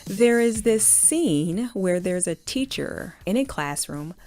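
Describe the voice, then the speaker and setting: A woman's voice: mid-range voice, expressive, slow pace, darkish tone. A woman teacher giving classroom tips in a casual, conversational way, often repeating words as she goes. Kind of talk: chatty instructional video talk.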